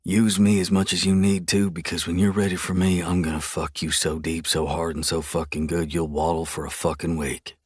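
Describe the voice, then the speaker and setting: This is a domineering, possessive husband from an audiobook romance, read by a man. The voice sits very low and lays down firm, clipped declarations as if nothing is up for debate. The sound is dry and close to the mic. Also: flat delivery, a little fast, hardly any pauses, a little mellow, no room sound. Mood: low, seductive. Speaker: audiobook narrator voicing male characters. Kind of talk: audiobook character reading.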